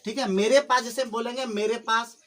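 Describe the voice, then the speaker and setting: Slow, patient male English teacher. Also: extremely high pitch, fairly even intonation, a bit bright. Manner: slow, repetitive explaining, addresses students fondly. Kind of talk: spoken English lesson taught in Hindi. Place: classroom with students. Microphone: filmed on camera without a microphone.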